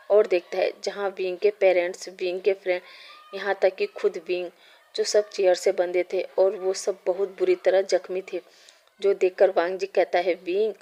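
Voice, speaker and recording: A woman narrating a fan fiction story in a steady, even reading voice. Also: mid-range voice.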